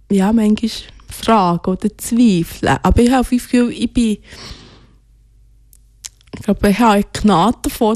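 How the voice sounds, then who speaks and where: Soft-spoken woman. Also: mid-range voice. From Ghana. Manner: soft-spoken, hesitant, searching for words. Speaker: interview guest. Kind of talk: reflective personal interview.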